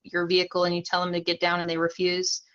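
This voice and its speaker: A woman's voice: on the low side, monotone, quick pace, a bit bright, clean tone, highs cut off. A young woman casually explaining roleplay police charges on a livestream, chatting to viewers and laughing easily.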